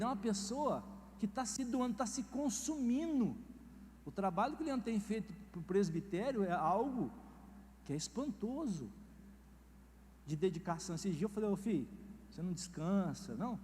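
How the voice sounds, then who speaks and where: A man's voice: sits high, sing-song, normal speed, pauses often, a little mellow. A middle-aged man with a Brazilian Portuguese accent, preaching a sermon in a folksy storytelling way and acting out the dialogue. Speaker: pastor. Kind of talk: sermon with personal anecdotes. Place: church hall. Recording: reverberant hall, faint noise.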